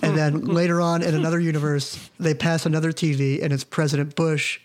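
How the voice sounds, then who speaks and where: A man co-hosting a podcast in relaxed casual chat, agreeable and easygoing. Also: fairly high pitch, brisk. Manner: easygoing, agreeable, lots of fillers. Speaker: podcast co-host.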